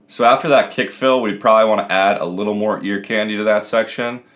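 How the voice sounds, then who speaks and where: A man in his thirties with a low voice narrates a screen-recorded tutorial in a casual, explanatory way. He is recorded in a small room at home, with music coming in behind him at times. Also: steady tone, quick pace, a bit bright.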